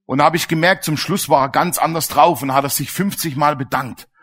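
Man preaching in a slightly high voice. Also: a little fast, a bit bright. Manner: colloquial, storytelling, asks the listeners questions. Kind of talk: sermon with personal stories.

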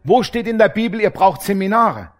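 A middle-aged male preacher giving a casual sermon, animated and colloquial, acting out the voices of people in his stories. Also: high voice, normal speed. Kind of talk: sermon with anecdotes.

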